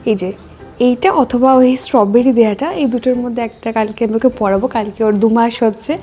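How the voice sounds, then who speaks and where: A young woman talks in an easy, chatty vlog style. Her voice sits high but sounds mellow and warm. She keeps it quiet and gentle. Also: normal speed. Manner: soft-spoken, chatty, speaks quietly while baby sleeps. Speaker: vlogger. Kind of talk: casual vlog chat.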